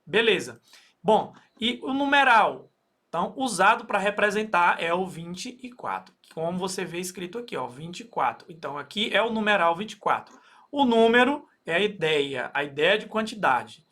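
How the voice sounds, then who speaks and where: A man's voice: sits high, sing-song, moderate pace, pushed and bright. A Brazilian man teaching a recorded math lesson, explaining step by step with many fillers and frequent "okay?" checks. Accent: Brazilian Portuguese.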